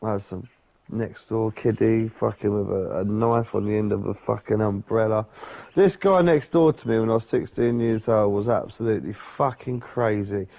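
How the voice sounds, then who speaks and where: A man's voice: on the low side, normal speed, vocal fry. A man telling a long story in casual chat, rambling and swearing, often checking in with "yeah?". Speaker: podcast co-host. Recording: dull lo-fi sound.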